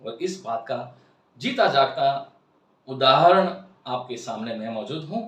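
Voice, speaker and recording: A man's voice: medium pitch, expressive, unhurried, a bit bright. 60-year-old man, echoey distant talk. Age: 60s. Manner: persuasive, emphatic, earnest. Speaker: health and wellness channel host. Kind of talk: explanatory talk to camera.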